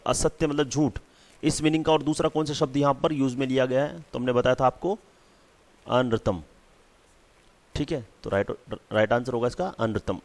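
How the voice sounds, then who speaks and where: Male teacher, patient repetitive explaining, average pitch. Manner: repeats key words, frequent "theek hai" check-ins. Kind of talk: explaining a school lesson.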